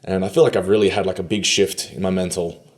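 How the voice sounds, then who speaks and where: Laid-back deep-voiced Australian man. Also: fairly even intonation, fast talker, darkish tone. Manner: laid-back, laughs often, slangy. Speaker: podcast guest, grappler. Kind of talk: casual interview chat.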